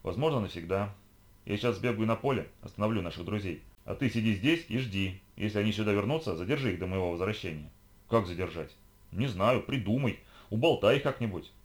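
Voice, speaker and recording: A man voicing a bold, bossy young girl who guides her companion, in a brisk, commanding way. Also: on the low side, expressive, close to an everyday voice. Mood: urgent.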